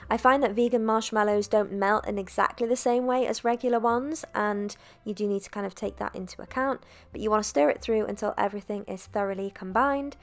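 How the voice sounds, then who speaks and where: A young woman narrating a cooking video in a chatty, relaxed voice-over, with self-deprecating asides. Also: medium pitch, brisk, hardly any pauses. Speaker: cooking vlogger.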